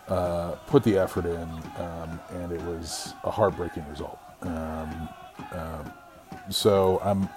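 A man giving a casual, earnest spoken message as a sports supporter, hesitant and measured with many pauses. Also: low voice, dark tone. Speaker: football supporter and commentator.

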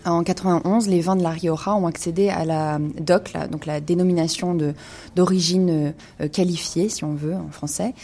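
A woman's voice: fairly low pitch, steady tone, normal speed, mellow, soft background music. A woman presenting a casual wine segment, speaking with many hesitations and fillers. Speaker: wine columnist.

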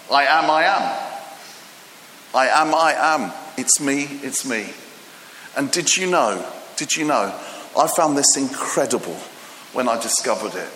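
A Greek-born man delivers a sermon in a church hall, his bright, forceful, medium-pitched voice trailing a long reverb over faint room ambience and slight background noise. He speaks slowly and pauses often, telling stories with lively animation while restarting sentences and dropping in fillers.

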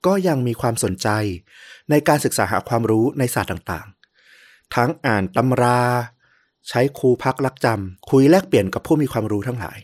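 A man's voice: mid-range voice, moderate pace, dry recording. Chatty Thai man telling a story. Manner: relaxed, chatty, with many fillers. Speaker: podcast co-host and storyteller. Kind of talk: casual podcast storytelling.

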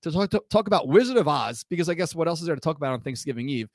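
A man co-hosting a podcast, speaking with a slightly raised pitch. He chats loosely and jokes, tells stories and swears now and then. The sound is dry and close. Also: lively intonation, racing, no room sound. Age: older than co-host. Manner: loose, swearing, jokey storytelling. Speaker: podcast co-host. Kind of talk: casual chat.

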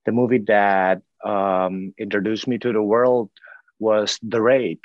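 A man from Indonesia, an actor in his forties, talking casually in an interview, halting often with restarts and "you know". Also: on the low side, steady tone, dry recording, muffled recording.

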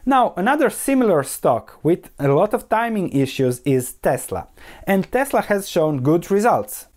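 Mellow-voiced podcast host. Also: male voice, high voice, sing-song, normal speed. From Croatia. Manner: analytical, poses rhetorical questions and answers them. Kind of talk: solo investing podcast commentary.

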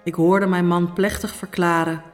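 A woman's voice: fairly low pitch, little pitch movement, moderate pace, soft background music, lightly acted. A woman playing a troubled Roman noblewoman who tells of her dreams in a solemn, urgent first-person monologue. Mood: haunted. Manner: solemn, urgent, hushed storytelling. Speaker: Pilate's wife.

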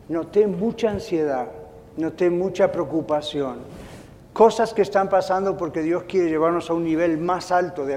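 A middle-aged man preaching a sermon as a pastor, telling stories in an animated way and acting out the voices he quotes. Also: high voice, big-room sound, slight background noise.

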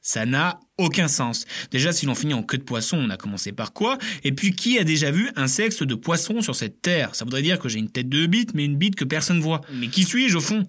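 Animated man with mock-serious comic narration. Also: fairly high pitch, fairly quick, few pauses. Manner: playful, mock-serious, self-mocking asides. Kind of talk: scripted comedic narration.

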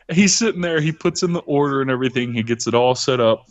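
A man hosting a podcast, telling a story in casual chat, swearing often and laughing as he goes. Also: medium pitch. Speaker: podcast host. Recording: dull lo-fi recording.

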